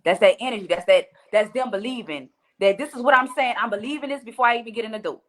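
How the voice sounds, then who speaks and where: A woman with a New Orleans accent talks in a fairly high voice on a podcast. She is blunt and profane and full of energy, breaking into quoted voices as she makes her points in casual conversation. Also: fast, fairly bright tone. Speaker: podcast guest, rapper. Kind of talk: casual chat.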